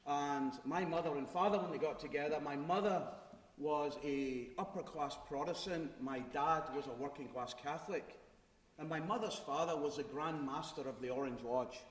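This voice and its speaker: A man's voice: fairly high pitch, moderate pace. A middle-aged man from Glasgow with a Glaswegian accent, giving an emphatic, conversational public talk with personal stories. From Glasgow, Scotland. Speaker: conference speaker. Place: large reverberant room before a live audience. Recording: echoey hall, distant microphone.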